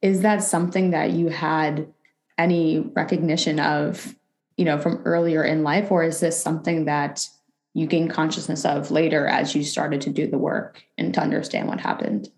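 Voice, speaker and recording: A woman interviewer asking gentle, probing questions. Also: deep voice, level tone, moderate pace. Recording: roomy, echoey sound.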